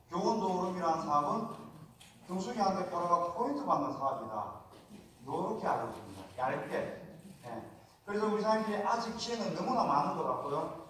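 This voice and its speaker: A male lecturer with a regional Korean accent delivers a motivational talk in a large lecture hall, keeping it folksy and conversational and regularly asking listeners to respond. His pitch is a little high and his tone fairly bright. Captured from a distance, the audio is echoey with slight background noise.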